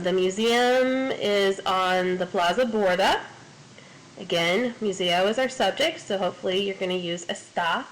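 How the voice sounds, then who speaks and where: A woman's voice: medium pitch, slight background noise, low-quality recording. Woman teaching a patient Spanish lesson. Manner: patient, explains step by step with many fillers. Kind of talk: recorded classroom lesson.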